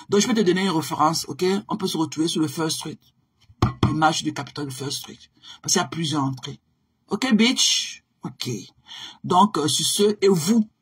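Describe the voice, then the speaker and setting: A woman's voice: on the low side, slightly rough. A woman, ranting confrontationally on a live stream and dropping in English phrases. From Cameroon. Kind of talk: heated live-stream rant.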